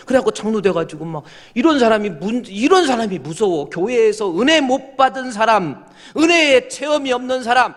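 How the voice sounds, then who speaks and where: A male pastor giving a sermon, an animated, joking storyteller who rises to shouts. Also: high-pitched, big-room sound. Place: church sanctuary.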